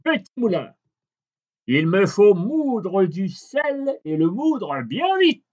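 Guy playing a greedy ship captain, squeaky and yelling, pitch all over, muffled audio. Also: very animated, takes it slowly, heavily acted. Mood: commanding. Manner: shrill, shouting orders. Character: greedy, hot-tempered male ship captain. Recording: dull lo-fi recording.

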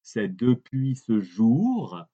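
A man reading a fairy tale aloud in an expressive way, drawing out words for emphasis. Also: mid-range voice, very slow. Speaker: storyteller. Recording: dull lo-fi recording.

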